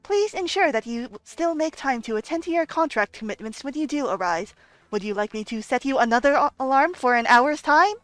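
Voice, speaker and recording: A woman voicing a polite, prim male robot butler from a game, giving formal, measured instructions. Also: high voice, lively intonation, a bit bright, no echo, faint music behind. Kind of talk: reading game dialogue aloud.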